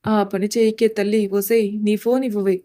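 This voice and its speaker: A woman's voice: medium pitch, little pitch movement, brisk, warm tone, close to an everyday voice. A woman voicing a playful young man who teases his younger cousin in a storybook. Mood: teasing. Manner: joking, mock-scolding.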